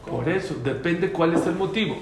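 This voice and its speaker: A man with a high voice speaks at a normal pace over a noisy crowd while teaching a religious class. He is emphatic, repeating his main points and answering students' questions directly. The recording sounds roomy, with faint background noise.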